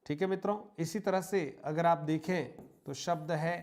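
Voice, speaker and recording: A man with a fairly high voice teaches an online grammar lesson. He dictates example words slowly and repeats each one. He keeps asking his students questions and then answers them himself. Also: steady tone, a little mellow, slight background noise. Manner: slow, repetitive dictation of example words, often addressing "मित्रों".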